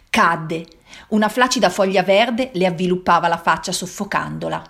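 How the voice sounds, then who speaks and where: A woman narrating a children's story as scripted reading, in a dramatic, suspenseful manner. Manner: dramatic, suspenseful reading that jumps high for shouted lines.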